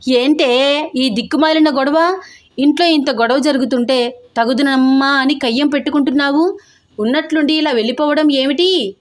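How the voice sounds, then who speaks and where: A woman voicing an old grandmother who shouts and scolds the family. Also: sits high, normal speed, voice pushed up, lightly acted. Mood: scolding.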